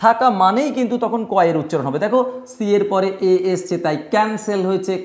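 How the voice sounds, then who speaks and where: A man teaching a pronunciation lesson. He drills example words slowly and repeats them, and he often speaks directly to his students. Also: high voice, expressive, darkish tone. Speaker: English teacher. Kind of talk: classroom-style pronunciation lesson. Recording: echoey room.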